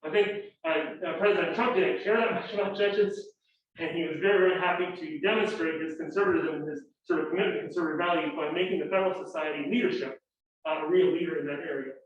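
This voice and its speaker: A man on a law-school panel talks in a halting, rambling way, full of restarts. His voice sits fairly high for a man. He is heard from a distance in a very echoey room, and the sound is dull. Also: fairly even intonation. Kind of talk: panel talk. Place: lecture room.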